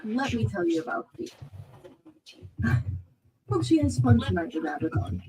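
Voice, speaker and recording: A woman's voice: medium pitch, sing-song, normal speed, mellow, distant mic, a little hiss or hum, rough recording. A woman speaking firmly in a scripted backstage wrestling segment, played back from the broadcast.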